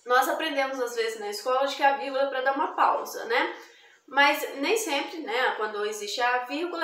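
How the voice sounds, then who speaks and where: Brazilian woman, high voice, grammar teacher checking in with "tá bom?", echoey room, away from mic. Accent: Brazilian Portuguese. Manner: tag questions, frequent hesitations. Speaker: Portuguese teacher. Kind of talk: explaining grammar to camera. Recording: roomy, echoey, distant from mic.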